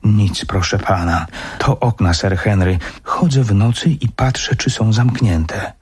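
A cornered middle-aged butler begs and evades in a radio story, played by a male reader. His voice is low-set and husky, only slightly lifted. He pleads in a worried, humble manner. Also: measured pace, darkish tone. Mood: pleading. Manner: pleading, evasive. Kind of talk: radio drama reading.

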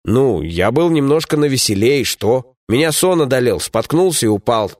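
A man's voice: medium pitch, sing-song, normal speed, darkish tone, no room sound, clean studio sound, voice pushed up, close to an everyday voice. A man voicing a scruffy young rogue, teasing and sly.

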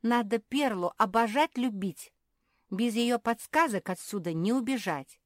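A sarcastic, scolding schoolgirl, put on by a woman reading aloud. Her lifted voice is loud and cutting. The recording is dry and close. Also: on the high side, unhurried, dry recording, voice pushed up, close to an everyday voice. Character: sharp-tongued scolding schoolgirl. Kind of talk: storybook reading.

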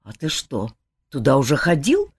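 Woman reading a gruff, scornful warrior hero. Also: lowish voice, very animated, unhurried, darkish tone. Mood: angry, scornful. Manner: growling, scolding, contemptuous.

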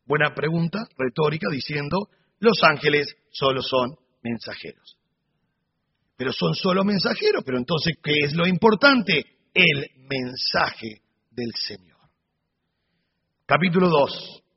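Lively, husky-voiced preacher. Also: male voice, on the high side, measured pace, pauses often. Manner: animated storytelling with humorous asides. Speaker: Bible teacher. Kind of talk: Sunday school sermon. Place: church hall. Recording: dull recording in a reverberant hall.

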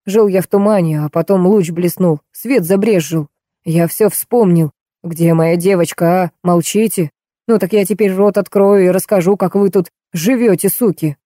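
A frail, deranged old man howls accusations and repeats himself in a loud, raw rant, as a woman reads him aloud. The voice is very dark and mellow, recorded dry and close. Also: fairly low pitch, normal speed, no echo, natural voice. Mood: bitter.

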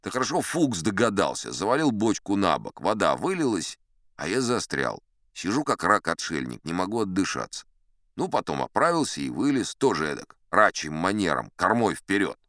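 An actor playing a pompous old sea captain, telling tall tales in a theatrical audiobook style with chatty asides. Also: male voice, low-pitched, big pitch swings, normal speed, a bit bright, no room sound, clean studio sound. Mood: pompous, wry. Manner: pompous, conversational asides to a young listener. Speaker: audiobook performer narrating as a character. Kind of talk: theatrical first-person storytelling from an adventure audiobook.

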